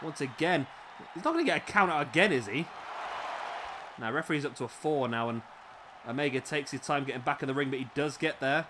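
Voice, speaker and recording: A man with a slightly raspy voice, commentating a wrestling video game play-by-play, excitable at big moves and chatty in asides. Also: medium pitch, a little fast, a crowd in the background, noisy background.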